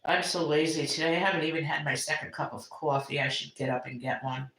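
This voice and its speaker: A woman's voice: low voice, quick pace, fairly bright tone. A woman hosting a casual live stream from home, chatting with viewers, laughing often and reminiscing about family. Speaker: livestream host. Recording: roomy echo.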